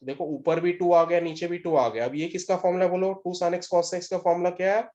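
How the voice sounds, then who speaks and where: In a classroom math lecture, an Indian man speaks in a high, steady, warm voice at a slightly fast pace. He quizzes his students over and over with brief questions while switching between Hindi and English.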